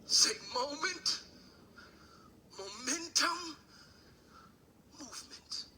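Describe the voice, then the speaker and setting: A pastor preaching a sermon into a pulpit microphone in a church, moving from a hushed story to shouted preaching. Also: male voice, very high voice, animated, extremely slow, a little hiss or hum. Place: church sanctuary.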